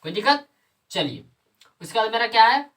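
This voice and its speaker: Heard from afar, a woman teacher walks through a lesson one step at a time, repeating each step and posing questions she then answers herself. Her voice is a little high, very animated, and fairly bright, moving at a moderate pace.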